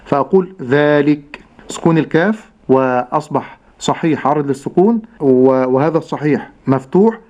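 A man teaching Quran recitation step by step, slowly drawing out each model pronunciation with patience. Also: a little high, expressive, a little mellow. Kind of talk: step-by-step tajweed instruction. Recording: dull lo-fi broadcast sound.

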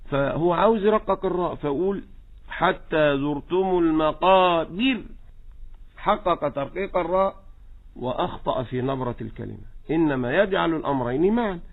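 A man with an Egyptian accent teaching Quran recitation in a radio lesson, slowly demonstrating each example. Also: fairly high pitch, expressive, gravelly, slightly rough. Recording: tinny phone-like radio line.

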